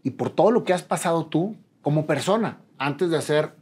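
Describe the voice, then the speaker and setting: Higher-voiced friendly Mexican host. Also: male voice, lively intonation, moderate pace, breathy edge. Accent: Mexican Spanish. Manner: warm, casual slang, addresses guest as friend. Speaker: interview host. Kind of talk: friendly interview questioning. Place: dim studio set with dark curtains.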